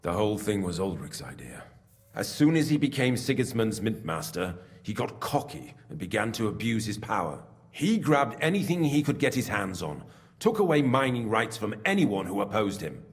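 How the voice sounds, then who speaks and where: An actor playing a scheming middle-aged smelting works master in a video game, smug and evasive as he confesses his part in a silver racket. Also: moderate pace. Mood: confessing. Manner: smug and evasive, lively pitch. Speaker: game character.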